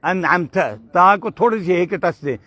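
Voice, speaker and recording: A man teaching Quran recitation, patiently correcting a student and slowly modelling each word. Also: high voice, a bit bright. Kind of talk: tajweed lesson correcting a student.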